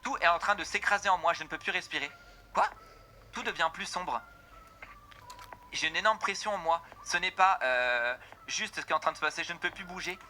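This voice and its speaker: A man's voice: a little high, fairly quick, pushed and bright, slight background noise. A man reading as a potion-drinking game girl. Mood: dizzy, strained. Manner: dramatic first-person reading of sensations. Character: young woman game character feeling each potion's effects. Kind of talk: reading a game character's lines aloud.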